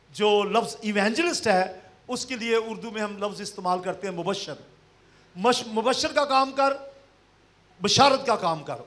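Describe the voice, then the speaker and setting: A man's voice: very high voice, fairly bright tone. A man with a Pakistani accent teaching a church seminar, explaining Bible verses step by step and mixing in English phrases. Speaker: preacher. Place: seminar hall with slides.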